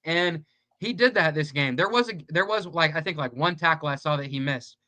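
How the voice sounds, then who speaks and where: A man co-hosting a sports talk show, talking in an animated way, full of "like" and quick asides. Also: fairly high pitch. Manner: animated, says "like" a lot. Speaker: podcast co-host. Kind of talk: casual sports chat.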